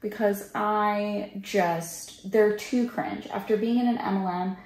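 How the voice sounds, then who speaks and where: A woman's voice: medium pitch, steady tone, slow pace, a little mellow. A pregnant woman giving blunt, sarcastic commentary and swearing casually. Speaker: reaction video host. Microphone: built-in device mic, no external mic. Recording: echoey room, grainy audio.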